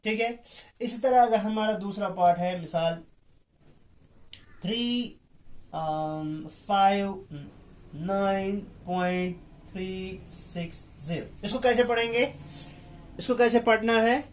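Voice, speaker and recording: A man teaching a math lesson, mixing in English terms. He speaks slowly, repeats himself and often checks that students understand. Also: sits high.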